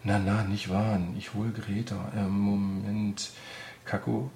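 A man's voice: medium pitch, moderate pace, darkish tone, slight background noise, pitched above the performer's own voice, close to an everyday voice. A man voicing a cheerful, clumsy male ghost who chatters bluntly in slang. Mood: flustered. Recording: roomy echo.

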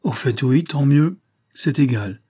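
A man's voice: mid-range voice, moderate pace, warm tone, breathy edge, no echo, studio quality, lightly acted. A man voicing an agitated, indignant middle-aged grocer who blusters and repeats himself in a storybook reading.

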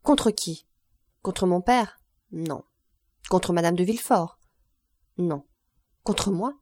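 A woman's voice: lowish voice, slow pace, darkish tone, dry recording, clean studio sound. A woman reading an audiobook, voicing an earnest young woman who speaks anxiously and affectionately to her grandfather. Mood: pleading.

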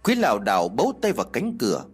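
A man with a husky voice, narrating a ghost story in an expressive, measured way. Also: medium pitch, faint music behind.

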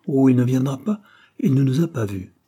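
A man's voice: mid-range voice, animated, moderate pace, mellow, pitched above the performer's own voice, lightly acted. A man reading aloud and voicing a rude, eager schoolboy who is jealous of his brother.

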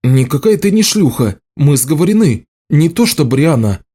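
A man reading aloud and voicing a burly young woodcutter who growls and shouts defensively. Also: on the high side, sing-song, moderate pace, husky, voice pushed up. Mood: sullen.

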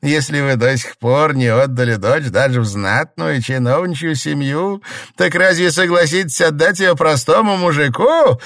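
A man reading an audiobook and voicing a chatty, humble old peasant grandmother, raising his pitch high and drawing out her exclamations. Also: a bit bright, no room sound, studio quality. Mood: fussing, exclaiming. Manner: high, exclaiming, drawn-out cries. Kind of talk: audiobook character voice.

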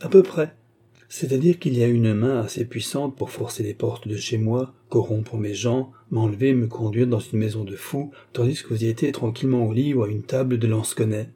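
A man's voice: medium pitch, moderate pace, warm tone, slightly rough, lightly acted. A man reading a storybook and voicing a composed, secretive young courtesan woman with a firm manner. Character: cool-headed resolute young courtesan woman.

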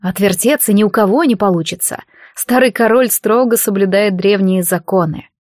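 A woman narrates a fantasy audiobook in a measured, even way, at a middle pitch. The recording is dry and close, with no room sound. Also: no echo. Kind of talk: scripted narration.

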